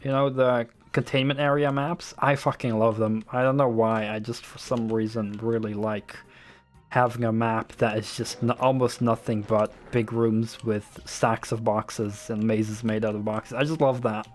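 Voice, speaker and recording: Speaking at a normal speed in a steady, mid-range voice, a young man from the Netherlands with a slight Dutch accent chats casually and rambles with viewers while streaming a shooter, cursing occasionally. Soft music plays in the background, and he uses a desktop USB mic.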